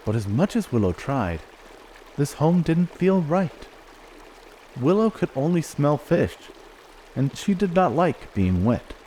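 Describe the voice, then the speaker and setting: A man gently reading a children's storybook aloud in an expressive way. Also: a little high, slow pace, a little hiss or hum. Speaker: narrator.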